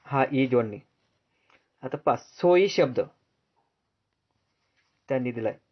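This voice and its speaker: A man with a Marathi accent teaching a grammar lesson, drilling students with repeated questions and answering them himself in a lower, softer voice. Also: animated, slow. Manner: answers drop low and soft. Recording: dull lo-fi sound.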